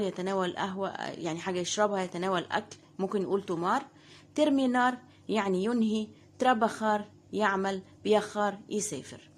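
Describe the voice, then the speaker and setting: A woman with an Egyptian Arabic accent teaching an online language lesson, patiently saying each word and then its meaning. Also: mid-range voice. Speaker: Spanish teacher.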